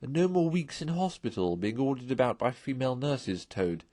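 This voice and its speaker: A man's voice: medium pitch, big pitch swings, moderate pace, warm tone, no echo, studio quality. A man voicing a grave, dutiful mole in a storybook, earnest and mildly reproving.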